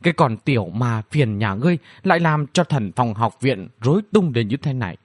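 A man's voice: mid-range voice, animated, fairly quick, dry recording, clean studio sound, close to an everyday voice. A man voicing a grumpy old male academy vice-principal who wails in exasperation. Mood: exasperated. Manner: wailing, exasperated.

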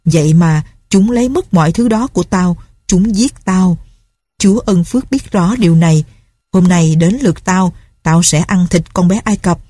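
A grief-maddened older recluse speaks in harsh, bitter threats, as a woman reading a storybook puts her on. The voice is dark and husky, recorded dry and close. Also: fairly low pitch, moderate pace, dry recording. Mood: vengeful. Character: grief-crazed vengeful older female recluse.

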